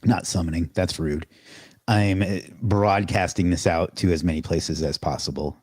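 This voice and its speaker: A man's voice: low-pitched, fairly even intonation, moderate pace, darkish tone, slightly rough, dry recording, clean studio sound. A man hosting a live stream, chatting loosely, rambling and reading out viewer comments as they come in. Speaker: livestream host. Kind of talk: casual live stream chat.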